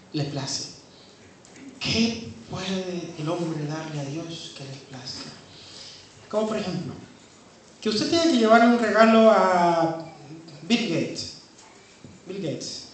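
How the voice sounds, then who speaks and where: A woman preaches a sermon, dropping to quiet, low talk and then climbing into loud, high-pitched calls. She often poses rhetorical questions. The recording is very echoey and distant, with a faint hiss of noise underneath. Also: animated, slow, long pauses.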